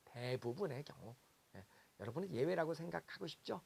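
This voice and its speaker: A man giving a lively seminar lecture, telling stories and acting out the voices of parents. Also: a little high, a little fast, creaky, husky. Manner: animated storytelling, acts out parents' voices, exclaims.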